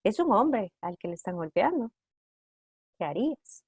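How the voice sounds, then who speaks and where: A woman's voice: medium pitch, big pitch swings, a little mellow, slightly rough, no echo, studio quality. A woman leading an online workshop over a video call, putting one question after another to her audience. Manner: asks rapid rhetorical questions to the audience. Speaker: trauma-informed care workshop facilitator.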